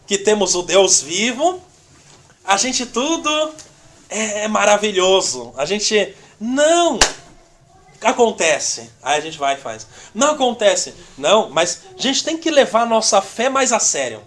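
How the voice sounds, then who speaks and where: This discipleship teacher speaks in a high, sing-song voice with a fairly bright tone and measured pace. Chatting through an informal church lesson, he sprinkles in "né?" constantly and acts out small dialogues.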